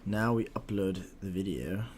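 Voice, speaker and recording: Young guy livestreaming trades, husky smoker-ish voice, slow mumbly slang, faint hiss behind. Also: low voice. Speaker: forex trader streaming live. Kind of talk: casual live-stream chat.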